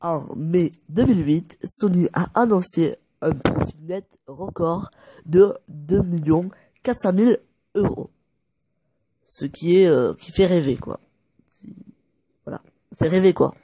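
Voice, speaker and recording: A man's voice: high-pitched, slow, long pauses, dark tone, slight background noise. A man presenting a casual fact video, making joking asides and stumbling over numbers before correcting himself. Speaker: YouTuber presenting facts.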